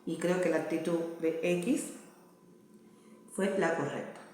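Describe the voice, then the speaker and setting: A woman's voice: sits low, measured pace, a little mellow. A Cuban woman in her thirties with a Cuban accent, talking earnestly and casually to camera as a vlogger and mother, often checking that the listener follows. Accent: Cuban Spanish. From Cuba. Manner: earnest, conversational, asks "¿me entiendes?". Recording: very echoey room, faint noise.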